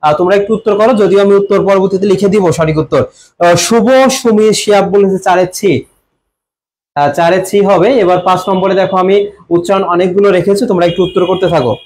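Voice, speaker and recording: A man's voice: sits high, steady tone, fast, darkish tone. A young man with a Bangladeshi Bengali accent teaching a live online exam-prep class. He quizzes students with repeated questions, answers them himself and reads out commenters' names. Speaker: admission coaching teacher.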